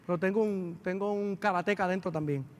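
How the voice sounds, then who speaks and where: Emotional pastor, high voice in a hall. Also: male voice, steady tone, fast talker, slight background noise. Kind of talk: sermon testimony. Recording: long hall reverb.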